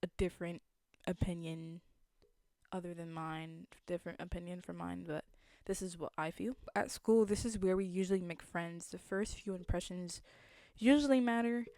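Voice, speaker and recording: A woman's voice: fairly low pitch, moderate pace, warm tone, no room sound, studio quality. A young adult woman with a slight lisp, chatting casually to viewers as a vlogger in an earnest, reflective, conversational way.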